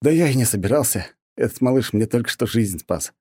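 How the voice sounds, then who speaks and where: A sarcastic young hero who is fed up and snaps back, as a male narrator voices him. His voice sits above the reader's low narrating tone but stays dark. The recording is dry. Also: expressive, brisk, husky, no echo. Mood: irritated, sarcastic. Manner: irritated, sarcastic.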